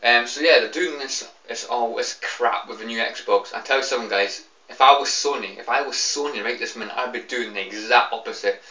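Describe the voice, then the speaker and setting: Young British male, tipsy and fed up, ranting casually with repeats and swearing; sharp tone, dull roomy recording. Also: medium pitch, a little fast, hardly any pauses. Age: young adult. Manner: annoyed, repetitive, rambling, swearing. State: tipsy, drunk. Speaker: video game fan giving opinions. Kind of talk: casual off-the-cuff rant to camera. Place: small room indoors. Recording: roomy, distant, slightly dull webcam sound.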